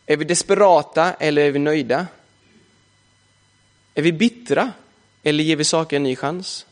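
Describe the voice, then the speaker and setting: A young man preaching a sermon in a casual, chatty way, often adding "liksom" as a filler. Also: fairly high pitch.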